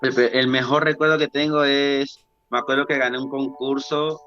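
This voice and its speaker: A man's voice: mid-range voice, little pitch movement, normal speed, bright, forceful tone, muffled recording. A man in his thirties from Ecuador with an Ecuadorian accent, a dancer chatting as a podcast guest, rambling with many restarts. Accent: Ecuadorian Spanish. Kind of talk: casual podcast interview.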